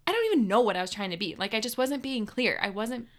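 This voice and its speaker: A woman's voice: a little high, fast talker. A young woman from Minnesota co-hosting a podcast, telling a story in casual chat. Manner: chatty storytelling, lively retelling with quoted voices. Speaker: podcast co-host.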